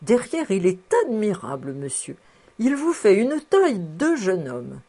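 A woman's voice: medium pitch, big pitch swings, measured pace, mellow, breathy edge, exaggerated voice. A woman voicing a fussing, cheerful old housekeeper in her sixties who chuckles as she coaxes. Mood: coaxing. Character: cheerful old female housekeeper, sixty-four, toothless.

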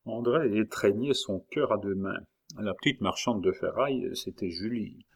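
A man narrating a classic novel as an audiobook in a measured, expressive storytelling manner. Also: on the low side, creaky.

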